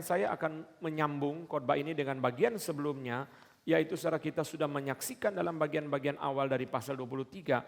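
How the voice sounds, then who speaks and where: A man preaching a sermon as pastor, emphatic, repeating key words and building to shouts. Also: a little high, creaky. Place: church sanctuary. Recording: echoey church hall.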